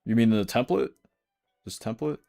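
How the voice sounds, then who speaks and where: A man's voice: medium pitch, expressive, moderate pace, creaky, warm tone, faint music behind. A man streaming live day trading, casually explaining charts and answering questions from chat.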